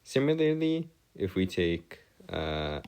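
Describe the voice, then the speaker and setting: Deep, clear and resonant, with a darkish tone, this man's voice moves slowly through big pitch swings. He's a math tutor delivering a semi-improvised explanatory lesson, using formal, wordy phrasing and hesitantly correcting himself along the way.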